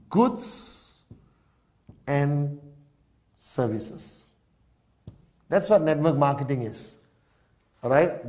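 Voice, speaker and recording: A man's voice: a little high, darkish tone. A man with a slightly raised voice walks an audience through a business concept at a whiteboard. He talks emphatically, driving each point home with a questioning "all right?". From Malaysia. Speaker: business presenter.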